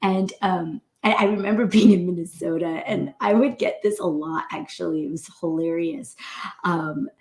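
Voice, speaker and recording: Speaking at a moderate pace, this animated host and doctor from New York chats casually about spiritual matters with live viewers. She laughs a lot, keeps asking "right?", and mimics quoted voices in a high pitch.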